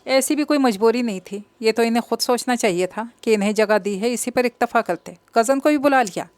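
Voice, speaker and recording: A woman's voice: on the high side, brisk, no room sound, natural voice. A woman reading the part of a wary young woman in an audio novel, curt and displeased.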